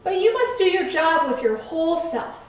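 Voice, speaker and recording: A woman's voice: extremely high pitch, very animated, moderate pace, pitched above the performer's own voice. A woman voicing a friendly, caring male lighthouse keeper in a storybook. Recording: echoey room from far off.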